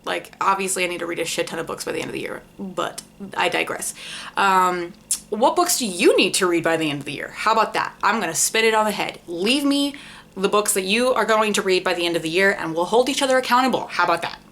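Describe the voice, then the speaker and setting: Fast-talking and animated, a young adult woman with a medium-pitched, fairly bright voice hosts a book vlog. Her casual review to camera rambles, mocks herself and leans on informal language and swearing.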